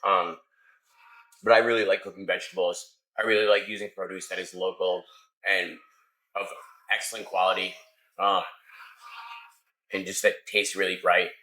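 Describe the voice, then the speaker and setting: A man with a notably deep, low voice talks casually as a chef in his restaurant kitchen. He teases with dry, understated humor and explains food calmly. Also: moderate pace, pauses often, low-quality recording. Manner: relaxed, dry teasing humor. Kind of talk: casual chat.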